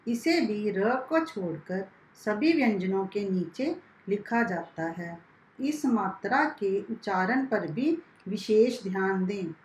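A woman teacher giving a primary school lesson, spelling out each sound slowly and carefully for young pupils. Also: mid-range voice. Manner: slow, carefully spelled-out classroom instruction. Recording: echoey room.

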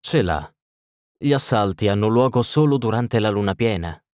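A man voicing a terse, cool-headed monster hunter who asks short, calm questions in an audiobook. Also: on the low side, moderate pace, dry recording, studio quality, lightly acted.

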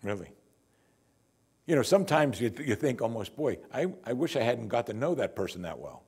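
Preaching from the pulpit, an older pastor sounds brisk and husky at medium pitch. His style is lively, conversational and wry, and a lapel mic captures him.

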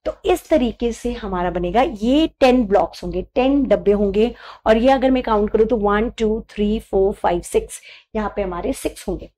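A woman teacher giving a chemistry lesson, slowly dictating memory tricks, mixing Hindi with English terms and checking in often. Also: medium pitch, warm tone. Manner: slow, repetitive dictation of mnemonics; checks in with "thik hai".

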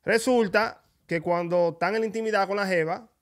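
A man's voice: high voice, brisk. A man hosting a casual chat, telling stories and asking teasing questions. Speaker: host.

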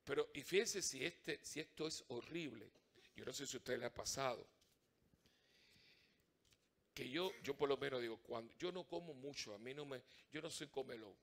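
A middle-aged male priest giving a conversational Sunday homily in church. He is animated and humorous, acting out little dialogues and asking the congregation questions. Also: mid-range voice, moderate pace.

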